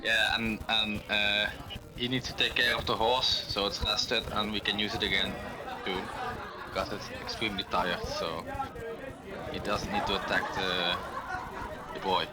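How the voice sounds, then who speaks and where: A man talking casually and haltingly as a player in a tabletop role-playing game. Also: fairly low pitch, level tone, a loud crowd. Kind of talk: casual in-character game chat. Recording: people chattering in background.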